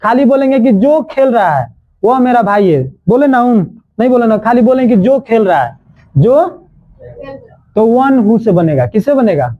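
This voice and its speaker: A man's voice: very high voice, animated, narrow, tinny audio. A man teaching a classroom grammar lesson, repeating each rule phrase by phrase and scolding and joking with his students. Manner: drills rules slowly, repeating each phrase.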